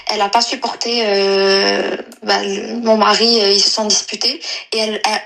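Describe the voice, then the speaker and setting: A woman in her twenties from Algeria, calling in to tell a personal story, halting and full of fillers and restarts. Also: mid-range voice, level tone, vocal fry, fairly bright tone, low-quality recording. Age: 20s. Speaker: caller. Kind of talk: personal confession on a live call.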